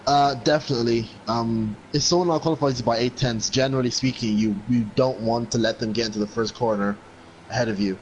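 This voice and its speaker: A man's voice: mid-range voice, fairly even intonation, brisk, muffled recording. Male motorsport commentator over background noise. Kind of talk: live race commentary and analysis.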